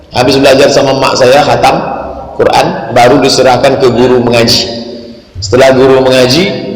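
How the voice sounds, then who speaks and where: A middle-aged man preaching a question-and-answer sermon, animated and joking, sometimes stopping to demonstrate recitation aloud. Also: medium pitch. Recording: echoey hall with long reverb.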